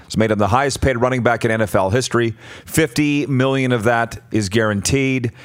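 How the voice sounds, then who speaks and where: A middle-aged man with a Canadian accent, hosting a casual sports talk show. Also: medium pitch.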